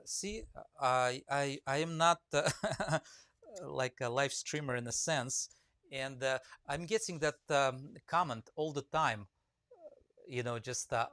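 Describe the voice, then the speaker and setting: The clip is studio quality with no echo, capturing a slightly high, somewhat bright male voice with a Russian accent. He is a woodcarving teacher live-streaming casually, rambling with fillers, reading comments aloud, and greeting viewers by name.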